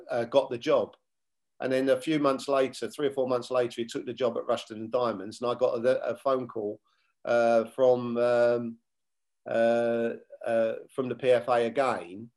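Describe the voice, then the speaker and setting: Guesting on an interview, an older ex-footballer and coach reminisces about his years on the pitch and on the sidelines, quoting past conversations. His middle-pitched voice has a darkish tone, and he speaks in a measured, unhurried manner with frequent fillers and restarts.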